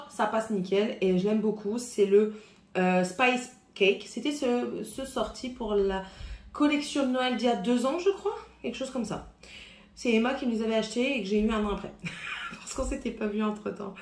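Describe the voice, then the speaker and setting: A French woman chatting casually through her monthly makeup review, hesitating often and showing each product, with a slightly rough, husky voice today. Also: on the high side, moderate pace. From France. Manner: chatty, hesitant, many fillers, shows products. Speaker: beauty vlogger. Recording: echoey room.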